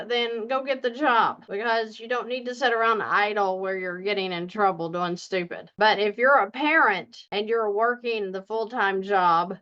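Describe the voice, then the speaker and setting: Female finance coach, deep Southern accent, mid-pitched, folksy and earnest direct-to-viewer talk, slightly muffled lo-fi recording. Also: pushed and bright. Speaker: personal finance coach and video host.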